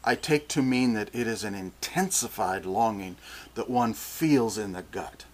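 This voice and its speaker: Older male preacher, unhurried sermon delivery, low voice, deliberate restarts.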